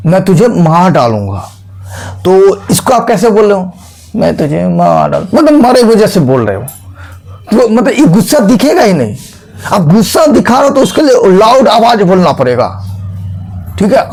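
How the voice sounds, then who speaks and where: A man's voice: high voice, a little mellow. A man explaining a lesson step by step, asking rhetorical questions and demonstrating tones and expressions as he teaches.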